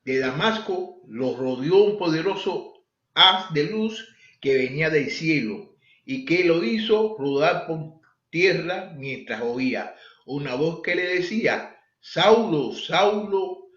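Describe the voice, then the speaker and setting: Guy preaching a bible lesson, bit high voice, roomy muffled sound. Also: takes it slowly. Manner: animated, asks the listeners questions. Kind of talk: bible study sermon. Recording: echoey, lo-fi room recording.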